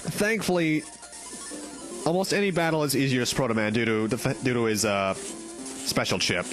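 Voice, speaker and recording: A man's voice: mid-range voice, moderate pace, a bit bright. A man hosting a let's play, giving casual commentary on a video game. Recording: game music behind the voice. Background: game music.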